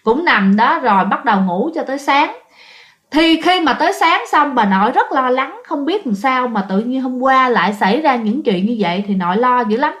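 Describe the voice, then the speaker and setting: Lady telling ghost stories, chatty, high voice. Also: expressive, moderate pace, fairly bright tone. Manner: addresses listeners directly, repetitive and conversational. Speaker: storyteller. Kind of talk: ghost story narration.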